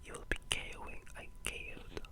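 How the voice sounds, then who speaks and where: At a moderate pace, this gaming creator whispers breathily without voicing, offering enthusiastic, meandering ASMR-style game commentary.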